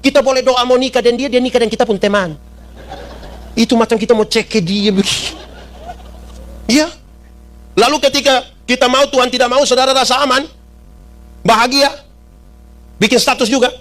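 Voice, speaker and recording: Man, pastor, high voice, sermon in a church, quizzes the congregation, acts out voices. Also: steady tone, moderate pace, pauses often, fairly bright tone. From East Nusa Tenggara, Indonesia. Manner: asks the congregation questions, acts out voices in dialect.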